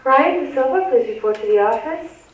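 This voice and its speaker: A woman making a brief, loud announcement over a school intercom loudspeaker. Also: high-pitched, animated, normal speed, highs cut off, faint music behind. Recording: echoey, far-off intercom heard in a classroom.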